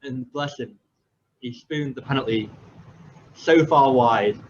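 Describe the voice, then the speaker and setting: A man's voice: mid-range voice, slow, a little hiss or hum. Man in his 20s, coach hosting a chatty podcast; rambling storyteller, slightly muffled recording. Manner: rambling storyteller with many fillers and restarts. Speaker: football coach and podcast host. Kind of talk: casual podcast chat.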